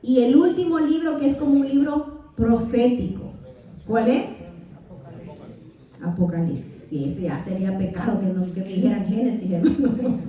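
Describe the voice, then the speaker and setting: A woman's voice: a little high, moderate pace, dark tone. A Salvadoran woman teaching a church Bible class, quizzing her listeners and answering with amen. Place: church hall. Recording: echoey church hall from far off.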